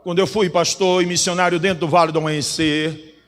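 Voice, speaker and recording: A man preaching a sermon as a pastor, fervent, swinging from loud declarations to quiet personal testimony. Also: high voice, little pitch movement, a little fast. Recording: long hall reverb.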